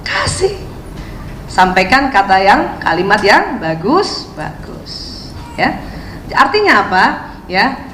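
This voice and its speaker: A woman's voice: medium pitch, big pitch swings, slow, long pauses, a bit bright. A woman giving a religious lecture to women, asking the audience questions and acting out prayers. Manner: asks the audience questions and acts out prayers and quotes. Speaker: Islamic parenting speaker. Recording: echoey hall, faint background noise.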